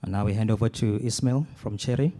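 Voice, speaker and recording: Man, moderator, formal, measured, reading from notes, low pitch, mellow. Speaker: panel moderator. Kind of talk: scripted event introduction.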